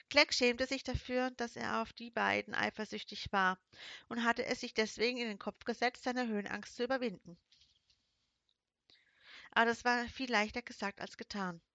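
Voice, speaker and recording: Woman narrating a kids audiobook, lively storytelling, dry dull sound. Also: on the high side, no echo. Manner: lively storytelling with shifting emphasis. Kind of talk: expressive audiobook reading.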